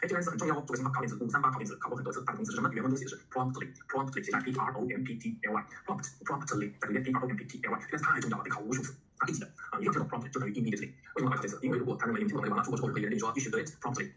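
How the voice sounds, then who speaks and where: A middle-aged man teaching English vocabulary in a lively, chatty lecture, spelling words out letter by letter. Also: mid-range voice, poor audio.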